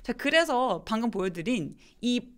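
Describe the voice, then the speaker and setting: Animated woman teaching pronunciation. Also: a little high. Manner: demonstrates words slowly, answers viewer questions. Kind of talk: live online lesson.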